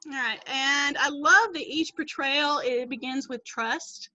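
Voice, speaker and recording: A woman's voice: high voice, measured pace, bright, forceful tone, no echo. A woman teacher leading an online class, explaining patiently over a video call. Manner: explains patiently, reads quotes aloud. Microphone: laptop mic on video call. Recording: dull lo-fi video call audio.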